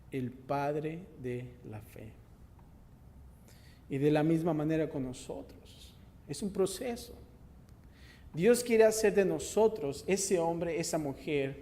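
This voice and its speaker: A male pastor preaching a sermon and reading scripture, swelling loud then dropping soft, with rhetorical questions to the congregation. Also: a little high, big-room sound, slight background noise. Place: church sanctuary.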